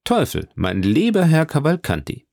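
A man reading aloud voices a polished count who speaks smoothly and with calm authority. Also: a little high, normal speed, no echo, clean studio sound, pitched above the performer's own voice, full character voice. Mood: assured, courteous. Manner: smooth, assured and courteous. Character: suave commanding count, polished and smiling.

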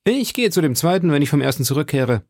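A man's voice: a little high, big pitch swings, a little mellow, no echo, studio quality, voice pushed up. D'Artagnan, a man voicing a bold young musketeer. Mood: resolute. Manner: eager, quick to commit.

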